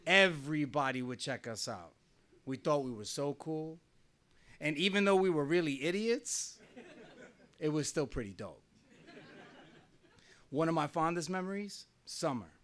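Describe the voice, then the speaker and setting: A middle-aged New Jersey native recounts a personal story on a small stage in a wry, conversational way, laughing frequently. He talks at a measured pace with frequent pauses, and his slightly high voice is a bit bright, with lively intonation.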